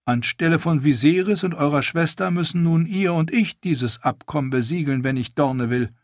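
A proud, commanding young queen, put on by a man reading aloud. The voice sits higher than the reader's own and stays regal and measured throughout, like a storybook ruler holding court. It is recorded dry and close. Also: no room sound, lightly acted. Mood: teasing. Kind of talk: audiobook reading.

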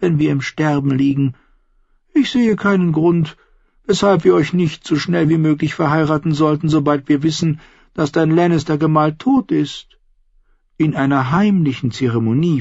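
A man voicing a shrill, imperious middle-aged noblewoman who scolds in a high, vehement voice. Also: moderate pace, gravelly, darkish tone, dry recording, muffled recording. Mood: scheming.

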